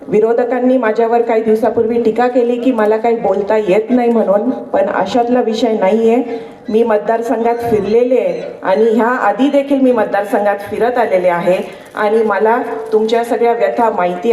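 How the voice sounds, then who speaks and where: A woman from Maharashtra, India, speaking as an election candidate in a political campaign speech, delivered in measured, halting phrases with pauses. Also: fairly high pitch, dark tone. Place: public rally through a sound system. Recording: roomy echo, distant mic, faint noise.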